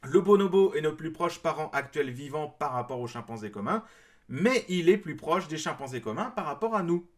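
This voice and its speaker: Male creator, bright high voice, explanatory and dryly sarcastic rebuttal commentary. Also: animated, moderate pace. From France. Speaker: video creator responding to a clip.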